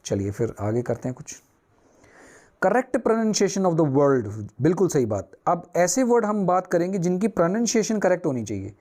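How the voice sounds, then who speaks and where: A man's voice: high voice, big pitch swings, moderate pace, mellow. A man teaching newspaper vocabulary, asking and answering his own questions at a whiteboard.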